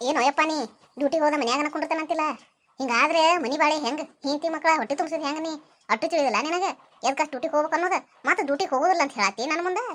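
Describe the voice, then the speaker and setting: A woman's voice: high-pitched, very fast, fairly bright tone. A woman with a North Karnataka accent playing a nagging deaf old grandmother in a comedy skit, preachy and rambling. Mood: scolding. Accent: North Karnataka Kannada.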